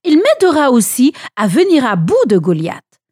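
A woman's voice: sits high, huge pitch swings, darkish tone, no echo, studio quality, heavily acted. A woman voicing a bold young shepherd boy who speaks earnestly and with conviction. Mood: determined. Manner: earnest, quick and raised.

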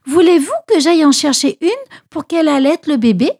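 A woman's voice: high-pitched, normal speed, darkish tone, voice pushed up. A woman voicing a young girl in a children's Bible storybook, speaking timidly but with determination. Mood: eager.

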